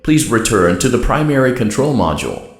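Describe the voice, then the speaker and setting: An actor playing a polite artificial guide in a video game, giving formal scripted instructions. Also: male voice, mid-range voice, very animated, fairly quick. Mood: polite, instructional. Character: cheery, artificial male robot guide assistant. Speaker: automated guide. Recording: roomy echo.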